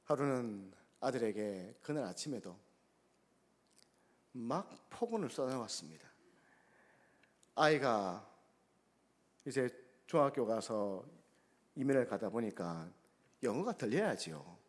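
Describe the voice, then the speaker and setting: A man, a guest pastor, delivering a sermon, preaching emphatically with sharp swings between soft and loud and acting out the people in his stories. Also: mid-range voice, animated, a little slow, pauses often. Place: church sanctuary. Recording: long church-hall reverb.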